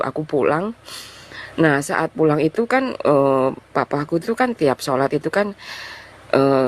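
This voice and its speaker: A young woman telling her conversion testimony in an interview, talking in a loose, halting way full of fillers. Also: low-pitched. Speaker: guest sharing a conversion testimony.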